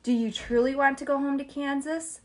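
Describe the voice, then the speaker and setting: A woman voicing a kindly good witch, soft, gentle, calm, storybook fairy figure. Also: high-pitched, moderate pace, lightly acted.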